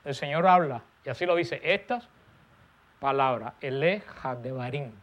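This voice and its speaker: A man preaching a sermon, stressing key words and letting his voice fall soft and low at the ends of phrases. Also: moderate pace.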